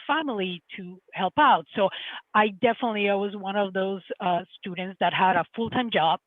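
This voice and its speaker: A middle-aged woman from Peru with a thick Peruvian Spanish accent, speaking as a lighting designer and telling her career story in an earnest, halting way. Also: medium pitch, dry recording. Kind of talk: panel talk on career journey. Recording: tinny phone-like audio, dry.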